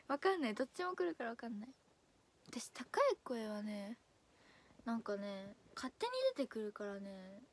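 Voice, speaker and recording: Young female idol, casual stream chat, high-ish voice that wanders up and down, frequent laughs. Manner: chatty, drifts between high and low voice, laughs often.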